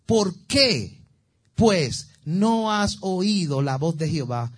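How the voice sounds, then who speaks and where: High-voiced impassioned preacher man. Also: big pitch swings, slow, breathy edge. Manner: impassioned, swings from quiet asides to shouted exhortation; calls on the congregation with repeated praise phrases. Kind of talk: sermon.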